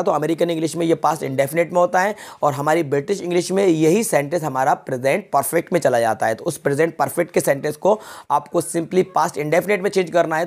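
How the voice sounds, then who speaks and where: In this exam paper walkthrough lesson, a man with a fairly high voice teaches English grammar one step at a time and regularly checks that students follow. The sound is dry and cleanly studio-recorded.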